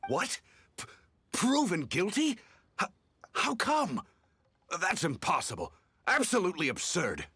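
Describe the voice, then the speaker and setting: An actor playing a nervous, shifty merchant in a game who stammers and gets defensive. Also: male voice, mid-range voice, big pitch swings, normal speed, a bit bright, breathy edge, no room sound, clean studio sound, faint music behind. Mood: rattled. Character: nervous, shifty middle-aged male merchant.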